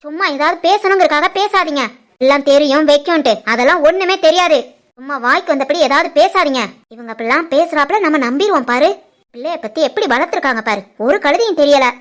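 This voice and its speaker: A woman voicing a defiant, sharp-tongued young wife arguing with her mother-in-law in an animated family story, with a Tirunelveli Tamil accent. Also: high voice, fast. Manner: defiant, argumentative.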